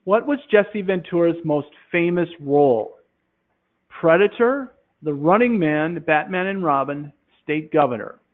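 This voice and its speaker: A man demonstrating a classroom quiz game, explaining in a relaxed way with many fillers into a headset. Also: a little high, a little slow. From Minnesota, USA. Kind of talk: software demonstration talk. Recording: tinny phone-like line.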